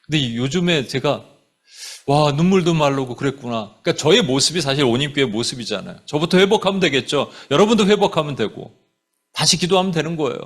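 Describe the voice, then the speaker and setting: Animated Korean pastor preaching, high and lively. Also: male voice, a little fast. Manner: animated preaching, switching into English phrases. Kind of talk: sermon. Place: church sanctuary.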